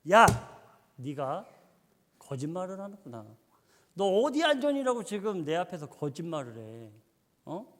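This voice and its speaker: A man's voice: high-pitched, in a large hall. A man voicing an angry, trusting male governor who scolds and dismisses a warning.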